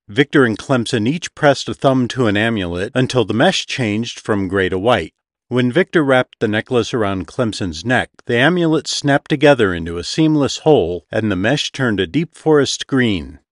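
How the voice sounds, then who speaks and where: A man narrating an audiobook in a measured storytelling way. His mid-pitched voice moves with animated rises and falls. The sound is dry and close to the mic. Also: no echo.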